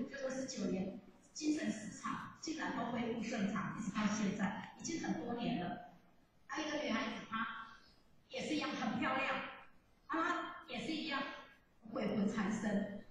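A woman giving a lively religious testimony, telling her story with laughs. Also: high-pitched, slight background noise. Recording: echoey hall from far off.

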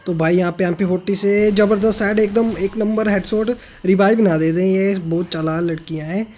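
Excitable young man shouting over gameplay. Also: sits high, moderate pace, slight background noise. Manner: excitable, teasing, shouts at sudden kills. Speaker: gaming YouTuber. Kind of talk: live gameplay commentary.

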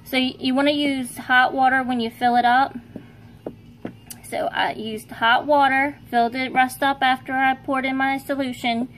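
A woman with a fairly high voice chats her way through a homemade how-to from her kitchen, rambling and correcting herself as she goes. She talks into a phone camera held over the stove. A faint hum of room noise sits behind her. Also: flat delivery, moderate pace, a bit bright. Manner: chatty, rambling, self-correcting. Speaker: home video maker. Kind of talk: casual how-to demonstration. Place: home kitchen, indoors.

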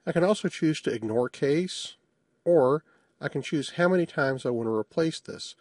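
Man, husky mid-pitched voice, dry close mic; relaxed software screencast walkthrough. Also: moderate pace, dry recording. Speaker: software demo presenter. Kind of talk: screencast tutorial narration.

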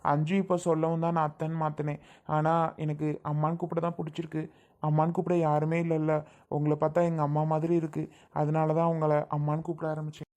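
A woman's voice: low voice, monotone, quick pace, a little mellow, lightly acted. A woman playing a young male groom in an amateur family drama skit, patient and reassuring, repeating the same point. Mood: gentle.

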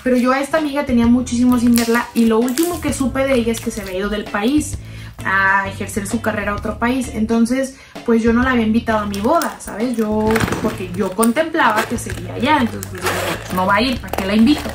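A woman's voice: a little high, fairly quick. Chatty young Mexican woman telling a story. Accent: Mexican Spanish. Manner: chatty, addresses listener as "hermana". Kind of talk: storytime narration. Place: unseen voice-over. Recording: background music under the voice.

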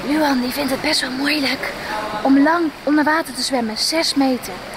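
A woman's voice: high-pitched, normal speed, over a noisy crowd. A woman chatting casually as a family vlogger at an indoor swimming pool. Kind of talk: casual vlog chat. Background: splashing water, loud pool ambience.

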